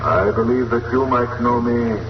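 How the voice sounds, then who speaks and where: An actor playing an invisible crime-fighting avenger in 1940s radio style, measured, taunting and theatrical. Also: male voice, mid-range voice, completely flat delivery, natural voice. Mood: commanding, mocking. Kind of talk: 1940s radio drama acting. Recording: old noisy dull radio recording, distant, echoey.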